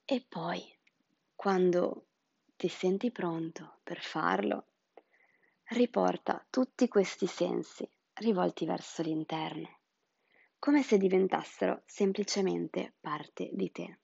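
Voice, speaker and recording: A woman guiding a meditation in a soft, soothing, breathy voice that often drops into a whisper. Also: lowish voice, takes it slowly, dry recording, highs cut off. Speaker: meditation guide. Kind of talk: guided chakra meditation.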